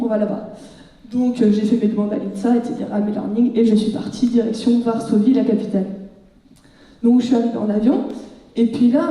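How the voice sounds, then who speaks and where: A young French woman telling a humorous story about her student exchange, lively and joking, acting out bits of dialogue. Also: a little high. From France. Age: young adult. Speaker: student speaker. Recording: echoey hall, heard from far off.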